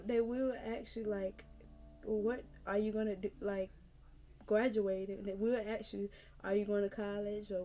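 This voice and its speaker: A woman's voice: medium pitch, dark tone. A nineteen-year-old woman from North Carolina, talking earnestly to her camera in a casual vlog and repeating her points to encourage the viewer. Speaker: vlogger. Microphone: camera mic.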